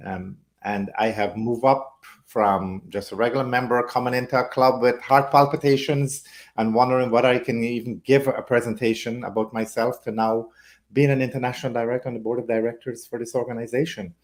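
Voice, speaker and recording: A man's voice: mid-range voice, fairly even intonation, brisk. A man from Guyana, a guest in an interview, telling his story in a friendly, expansive way with rhetorical asides. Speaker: guest, public speaking leader.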